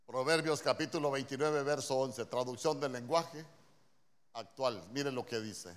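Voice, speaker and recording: A man's voice: medium pitch, measured pace. A male preacher with a Honduran accent, giving a conversational sermon and often asking his congregation questions. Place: church.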